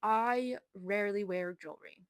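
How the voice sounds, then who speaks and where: A woman's voice: medium pitch, normal speed, clean tone, no room sound. A young woman in her twenties giving a rambling, self-deprecating room tour, a little out of breath. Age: 20s. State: slightly out of breath. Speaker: vlogger. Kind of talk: casual room tour narration.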